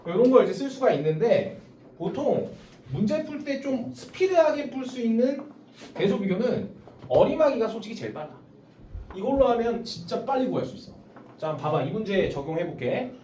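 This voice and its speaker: Tutor teaching a small group, checks in with each student by name. Lively, up-and-down delivery, heard from across an echoey room. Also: medium pitch, moderate pace, a little hiss or hum. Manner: calls on students by name, explains step by step. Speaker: math tutor. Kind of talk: small-group math lesson. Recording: roomy sound from a distance.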